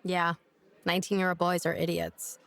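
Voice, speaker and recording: A woman's voice: lowish voice, completely flat delivery, moderate pace, smooth, close to an everyday voice. Woman doing a sarcastic young woman, dry and direct, teases a lot, audio drama. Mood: earnest. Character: blunt, sarcastic young woman, grieving sister. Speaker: [name].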